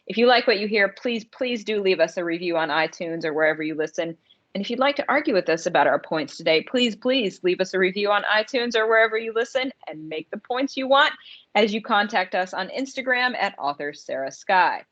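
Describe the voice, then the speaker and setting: Animated and brisk, this woman co-hosts a podcast where she talks movies in a relaxed review style, hammering points home by repeating words. Her medium-pitched voice has a fairly bright tone, though the recording itself sounds dull and lo-fi.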